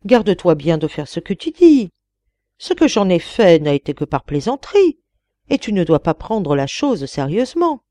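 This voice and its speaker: A woman's voice: fairly low pitch, sing-song, normal speed, warm tone, dry recording. A woman reading the part of a powerful male genie in a tale, speaking grandly and then begging. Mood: pleading. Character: mighty male genie, proud then pleading.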